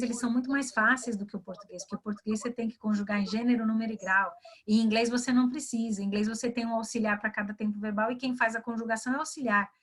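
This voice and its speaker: Woman from Brazil, fairly high voice, lively teaching chat, acts out dialogue, video call. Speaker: guest, career and English mentor. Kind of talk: explaining in a webinar chat.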